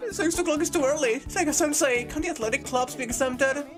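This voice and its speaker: A woman voicing an excitable, earnest high school student from a visual novel, exclaiming at a teacher. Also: brisk, over music, natural voice. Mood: pleading.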